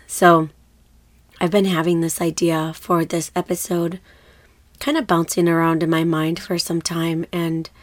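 A woman's voice: fairly low pitch, a little mellow, dry recording. A woman hosting a podcast as a grief coach, talking casually while still getting over a cold, her voice a bit off, reflective with fillers and small laughs. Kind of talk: casual solo podcast talk.

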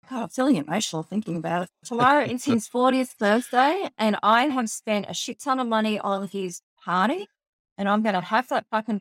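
A woman's voice: mid-range voice, dry recording. An Australian woman telling a personal story in an interview, candid and emotional, swearing freely. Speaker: guest.

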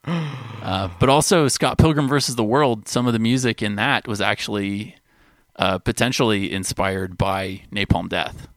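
Low-voiced amused podcast co-host man. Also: a little slow, a bit bright, no room sound, studio quality. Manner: amused, enthusiastic with fillers. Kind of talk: casual chat.

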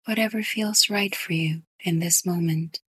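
A woman guiding a sleep meditation in a soft, breathy whisper. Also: fairly low pitch, fairly even intonation, no room sound. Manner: slow, soft whispered delivery. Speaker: meditation guide.

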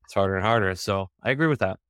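A man's voice: low-pitched, racing, a bit bright, smooth, no room sound, studio quality. A man hosting a casual podcast, upbeat and chatty, often laughing as he talks. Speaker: podcast host.

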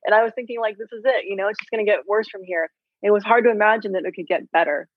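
A woman in her forties talks in a lively, rambling way, packed with "like" and "you know". Her voice comes through a thin, tinny line that sounds phone-like. The sound is dry, with no room around it. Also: medium pitch, fast, no echo. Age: 40s. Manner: chatty, filler-heavy, animated retelling. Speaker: health coach, guest. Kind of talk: candid interview storytelling.

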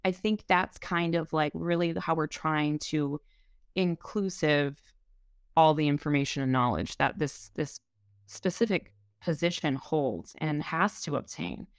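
A woman's voice: low-pitched, unhurried, no room sound, clean studio sound. A woman who is a restaurant wine director, answering an interview question in a rambling way with many fillers and restarts.

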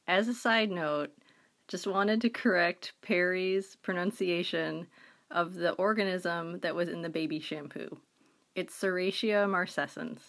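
A woman leaving a brisk, friendly recorded message as a listener. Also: fairly low pitch, a bit bright. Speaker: listener calling in.

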